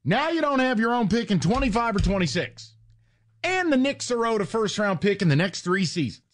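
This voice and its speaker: A man's voice: sits high, very animated, a little fast. A male sports talk host ranting sarcastically with mocking jabs and heated emphasis.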